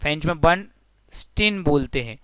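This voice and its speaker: A man's voice: on the high side, animated, normal speed, fairly bright tone, no echo, clean studio sound. A young man teaching a physics lesson through a story, friendly and explanatory, often addressing the listeners as friends.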